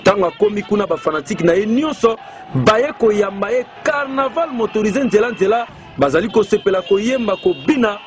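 High, lively male news narrator. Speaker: news presenter.

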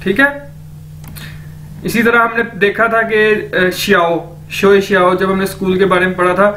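A man teaching a recorded language lecture, repeating each word slowly for drilling. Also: high-pitched, fairly even intonation, bright, forceful tone, slight background noise. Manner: slow, repeats words for drilling.

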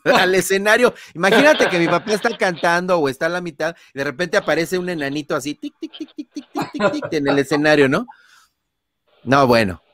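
Animated Mexican man telling stories. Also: a little high, dry recording, clean studio sound. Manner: animated, acts out scenes with sound effects; frequent tag questions and fillers. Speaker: guest, son of a famous singer. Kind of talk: casual interview storytelling.

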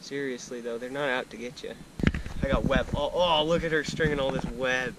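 A young man chatting excitedly to a vlog audience outdoors, slangy and full of exclamations, as a wildlife explorer. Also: mid-range voice, normal speed, heavy background noise. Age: young adult. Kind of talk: casual excited vlog chat. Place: open desert scrubland, outdoors. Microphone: handheld action camera.

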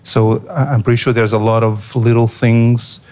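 A man's voice: mid-range voice, flat delivery, moderate pace, a little mellow. A man with a Portuguese accent asking a filmmaker a polite question from the audience, hesitant with many fillers.

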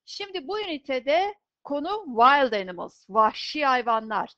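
A woman teaching an English vocabulary lesson, slowly and clearly pronouncing each word twice for students to repeat. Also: high-pitched, very animated, bright, forceful tone, no room sound, lo-fi sound.

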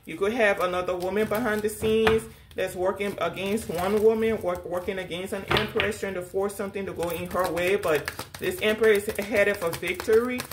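A woman's voice: medium pitch, noisy background. A woman giving a casual spiritual tarot reading, sassy and direct, calling the listener honey and baby. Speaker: tarot reader.

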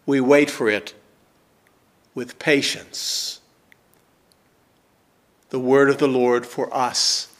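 Slow, measured older male pastor. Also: mid-range voice. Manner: slow, measured, emphatic reading. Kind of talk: scripture reading and prayer. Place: church sanctuary.

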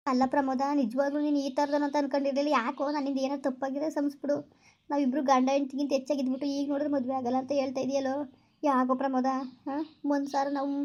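A woman's voice: high-pitched, darkish tone, natural voice. A woman playing a heartbroken young woman who pleads tearfully with her lover in a village skit, on a dull lo-fi recording. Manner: pleading, tearful, repeats please.

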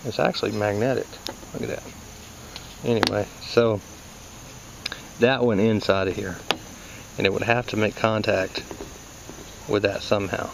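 Holding the camera himself, a man shows HVAC parts out in a yard by a scrap pile, folksy and casual, thinking aloud as he works. His fairly low voice has little pitch movement, vocal fry, a measured pace and frequent pauses; insects make the outdoor recording noisy.

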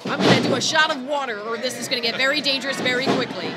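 A woman's voice: sits high, rapid-fire. A woman giving reactive color commentary on a wrestling match. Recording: noisy hall recording with loud crowd. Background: loud wrestling crowd.

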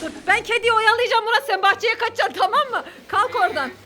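Gaming host woman, squealy and giggly, very high bright voice. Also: quick pace, a faint crowd. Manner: excitable, shrieking, giggly. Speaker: game player and host. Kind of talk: narrating a game while playing.

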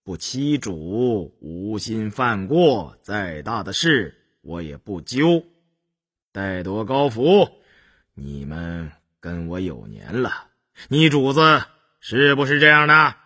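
A man reading an audiobook voices a cold, strict imperial prince who speaks low, slow and severe. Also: very animated, pushed and bright, husky, heavily acted. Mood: stern, cold. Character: cold, stern imperial prince laying down rules.

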